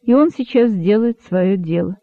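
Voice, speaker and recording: A man reading an audiobook, voicing a wise, sad old rabbit who speaks calmly and gravely. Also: high-pitched, dry recording. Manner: calm, grave, measured. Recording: dry, narrow phone-like sound.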